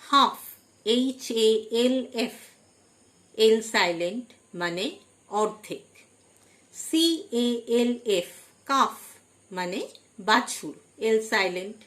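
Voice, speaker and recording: A woman's voice: medium pitch, slow pace. A woman teaching vocabulary, spelling each word out letter by letter and stressing each headword. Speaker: English teacher. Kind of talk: slow vocabulary lesson, spelling words letter by letter.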